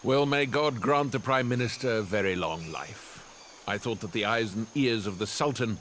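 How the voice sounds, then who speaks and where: An actor dubbing a calm, dry-witted male emir in a historical drama. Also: fairly low pitch, normal speed, a little hiss or hum, close to an everyday voice. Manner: dry, pointed. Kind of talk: English dub of a historical drama.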